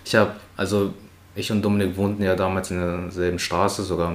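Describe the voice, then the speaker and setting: A man's voice: low voice, flat delivery, brisk. A young man from Germany in casual chat with an old school friend, speaking hesitantly with many fillers, recorded at home.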